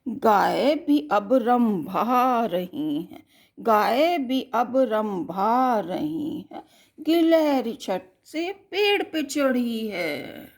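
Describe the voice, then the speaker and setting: Give me a middle-aged woman reciting a children's poem slowly in a gravelly sing-song voice. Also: a little high.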